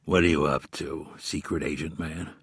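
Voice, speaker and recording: A man voicing a gruff, sardonic veteran FBI agent with a deep, gravelly voice and a skeptical, teasing manner. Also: fairly even intonation, normal speed, no echo, clean studio sound, full character voice. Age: older.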